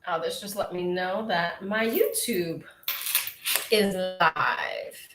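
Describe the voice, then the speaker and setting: Speaking slowly in a voice on the low side, a middle-aged Brooklyn woman gives oracle card readings on a live stream. She's chatty, welcomes viewers warmly, and often breaks into hearty laughter. The audio is roomy, with a little hiss or hum.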